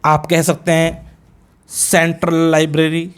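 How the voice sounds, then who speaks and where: Slow, high-voiced Indian English teacher. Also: male voice, completely flat delivery, clear, resonant tone. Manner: slow, deliberate drilling of example sentences; switches between Hindi and English. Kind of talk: classroom grammar lecture. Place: classroom.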